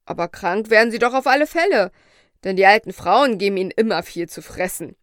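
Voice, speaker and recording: A woman's voice: medium pitch, expressive, a little fast, no echo, clean studio sound, close to an everyday voice. A woman voicing a plain-spoken working man in a storybook reading, arguing persuasively.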